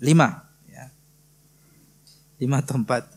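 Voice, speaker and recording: A man from Indonesia teaching Quran recitation in a prayer hall, patiently drilling and gently correcting students. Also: mid-range voice, breathy edge. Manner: slow, patient, drills students by repeating syllables. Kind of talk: tajwid lesson with live correction.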